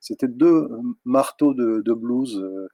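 A man's voice: mid-range voice, slow pace, no room sound. Rambling male guest, dry sound. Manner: rambling, relaxed storytelling with fillers. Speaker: guest author. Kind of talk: casual interview chat.

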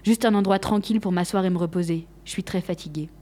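A woman voicing a boy who grows into a tired old man, read in a quieter, lower tone. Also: fairly even intonation, quick pace, lightly acted. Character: boy growing into a weary old man, always wanting more.

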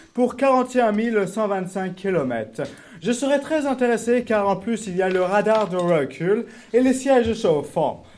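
Man leaving a voicemail, high and lively. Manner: mock-polite, hesitant with many fillers. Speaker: prank caller. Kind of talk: prank phone message.

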